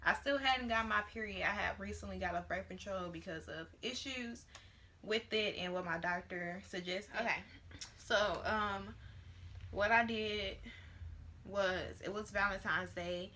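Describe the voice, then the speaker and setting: A woman's voice: mid-range voice, unhurried, pushed and bright, slight background noise. A woman in her late teens, vlogging at home to a camera on a tripod and chatting casually with lots of fillers. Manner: chatty and rambling, with many fillers. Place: at home, near her bedroom.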